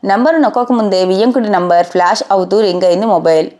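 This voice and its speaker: Calm woman reading a story aloud. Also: medium pitch, fast. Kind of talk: scripted narration.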